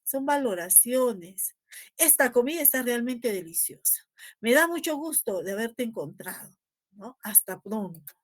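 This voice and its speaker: A woman teacher with a Peruvian Spanish accent, patiently explaining a spelling lesson over slides and tagging her phrases with "¿no?". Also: on the high side. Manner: ends phrases with a tag "¿no?".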